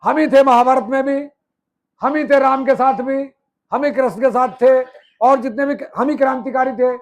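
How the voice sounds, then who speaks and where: A movement speaker with a very high voice and fairly even intonation addresses an audience at a moderate pace. His emphatic political speech fires rhetorical questions that he answers himself, with repeated phrases piled into lists.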